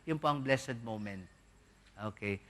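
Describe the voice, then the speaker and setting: A priest preaching to a congregation in a large cathedral. He is animated, acts out the voices he quotes and banters with the crowd. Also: medium pitch, measured pace. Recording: long hall reverb.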